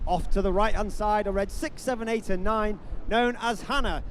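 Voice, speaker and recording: A man's voice: high voice, normal speed. A man giving airshow commentary in an announcer's style, building up each manoeuvre for the spectators. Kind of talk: airshow commentary over a public address. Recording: faint noise outdoors at an airshow.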